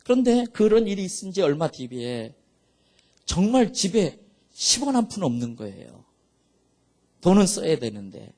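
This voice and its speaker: A middle-aged male pastor preaching a sermon. His voice sits high for a man, and he tells his story with strong feeling. He drops soft, then rises loud. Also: big pitch swings, normal speed, pauses often. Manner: emotional storytelling, swinging between soft and loud.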